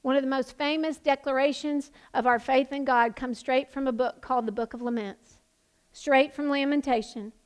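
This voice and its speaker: Passionate high-voiced woman pastor preaching. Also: steady tone, moderate pace, clean tone. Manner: passionate, building to emphatic proclamations. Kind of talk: sermon.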